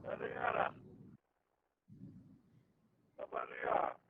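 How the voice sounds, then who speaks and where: A male panelist, joining by video call on a distorted, breaking-up mic, who keeps checking that he can be heard. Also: drawn-out words. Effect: distorted, breaking-up mic sound. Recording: tinny, crackling video-call line.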